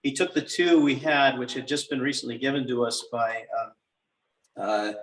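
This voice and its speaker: A man giving an informal guided tour inside a cathedral, explaining things reverently and haltingly, often pausing mid-sentence. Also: mid-range voice, fairly bright tone, poor audio.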